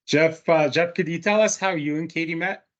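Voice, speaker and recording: A man hosting a webinar interview on a video call, enthusiastic and quick to affirm his guests. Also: on the high side, highs cut off. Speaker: host.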